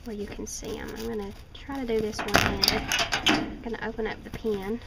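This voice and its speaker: Out by the rabbit hutches on her wooded farm, a woman talks into a handheld camera mic while filming herself off camera, giving a rambling, chatty tour packed with fillers and restarts. She speaks fairly quickly at a medium pitch, in a level tone with vocal fry, over faint outdoor noise.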